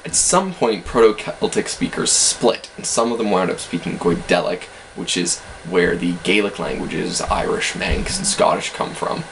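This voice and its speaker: A man's voice: low voice, moderate pace, vocal fry, hardly any pauses, background noise. A man casually explaining language facts in an educational video, hedging with self-deprecating asides.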